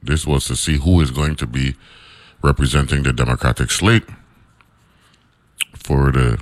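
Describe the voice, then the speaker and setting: Broadcasting a morning talk show from a US Virgin Islands studio, a deep-voiced baritone man chats casually, packing his monologue with fillers and "right?" tags. He speaks a little slowly, and the recording is dry.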